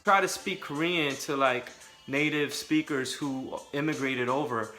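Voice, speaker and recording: A young adult vlogger from Southern California talks to camera casually and candidly, dropping in joking asides. His mid-range voice has a sharp tone and a slightly slow pace, with soft music in the background.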